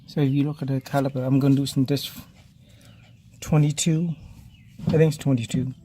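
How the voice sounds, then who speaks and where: A man's voice: medium pitch, flat delivery, a little fast, mellow. A man narrating a do-it-yourself car repair, thinking aloud as he works and unsure of his sizes. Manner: thinking aloud, unsure, talking while working. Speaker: home mechanic. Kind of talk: DIY repair tutorial narration. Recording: noisy home video.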